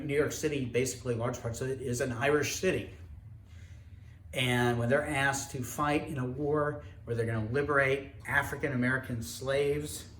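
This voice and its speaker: A man delivers a history lecture in a steady, explanatory manner, pausing now and then to rephrase. His voice sits at an ordinary middle pitch. The recording has a noticeable room echo and a faint background noise. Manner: measured, explanatory storytelling with occasional hesitations.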